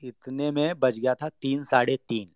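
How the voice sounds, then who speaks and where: A young man telling a personal story in a casual talk. He acts out the lines of the people in it and drops to a low murmur for his own thoughts. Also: fairly even intonation, a little slow, dry recording.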